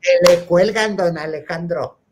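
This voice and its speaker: A man's voice: high-pitched, measured pace. A man with a Mexican accent hosting a show, telling a comic gossipy party story and addressing listeners as sisters. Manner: acts out friends' voices in quotes. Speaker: host.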